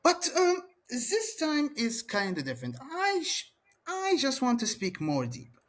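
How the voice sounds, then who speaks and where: A man's voice: very high voice, wildly swooping pitch, measured pace, a bit bright. A man cutting a boastful wrestling promo as champion, taunting his rival in broken English. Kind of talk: wrestling promo trash talk.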